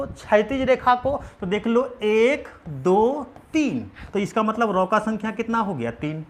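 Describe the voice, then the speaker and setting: Animated maths teacher drilling students. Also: mid-range voice. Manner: drills key points by repeating them emphatically; asks the class questions and answers them. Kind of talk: exam-prep maths lesson.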